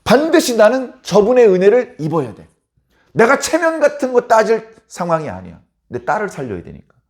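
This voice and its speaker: A man's voice: sits high, huge pitch swings, moderate pace. A man preaching a dawn sermon as a pastor, telling the story dramatically and acting out the people in it. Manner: dramatic, acts out biblical characters in voices.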